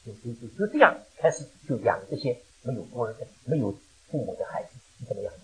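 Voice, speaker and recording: Animated older man preaching, husky voice. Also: fast talker, low-quality recording. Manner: animated, rising to loud emphatic questions then dropping low. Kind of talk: sermon with personal testimony.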